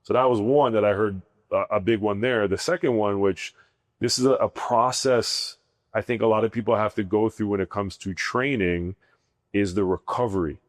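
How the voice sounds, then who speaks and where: Low-voiced male podcast host. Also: moderate pace, dry recording. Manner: encouraging, sums up the guest's points. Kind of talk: casual interview chat.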